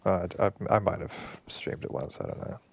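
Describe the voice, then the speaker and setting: A male game streamer whose low voice is gravelly with vocal fry. He explains a glitch in casual gameplay commentary, rambling, correcting himself and swearing freely. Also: fairly even intonation, moderate pace, darkish tone. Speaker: gaming streamer.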